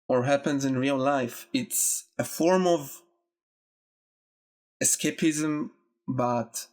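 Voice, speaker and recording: A young man talks to his viewers in slow, halting phrases, pausing often between thoughts. His voice is stuffy and nasal from a lingering illness. The pitch sits in an ordinary middle range for a man. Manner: slow, halting, reflective, with pauses. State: sick, congested and nasal. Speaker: YouTube video essayist. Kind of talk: casual talk to camera.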